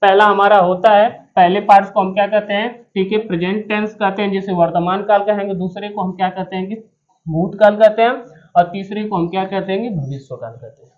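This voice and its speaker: A man's voice: high-pitched, fairly even intonation, a little fast, phone-quality sound. A man teaching grammar to a classroom with students present, drilling them by repeating questions and answers, with joking asides.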